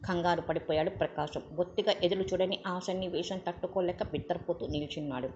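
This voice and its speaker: A woman narrating a story aloud in a steady, measured audiobook reading on a muffled recording. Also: fairly low pitch, a little hiss or hum.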